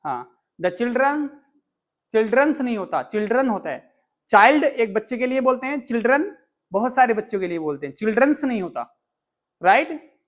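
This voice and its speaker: Male teacher in a classroom, drills words slowly, teases and scolds pupils. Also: extremely high pitch, sing-song. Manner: scolding, joking with students, repeats English words slowly. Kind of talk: classroom grammar lesson. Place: indoor classroom.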